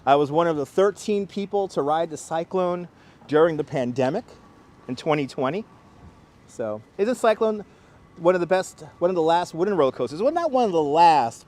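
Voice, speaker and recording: On seaside city streets, a man with a Brooklyn New York accent and a slightly high, darkish voice acts as a local guide for live-stream viewers. He rambles casually but enunciates clearly and deliberately, and his wireless clip-on mic catches the outdoor urban noise.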